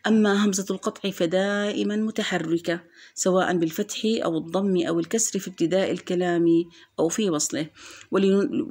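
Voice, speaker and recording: Female teacher, mid-pitched, patient step-by-step explainer for a recorded children's lesson. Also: darkish tone. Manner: patient, explains step by step, repeats example words slowly.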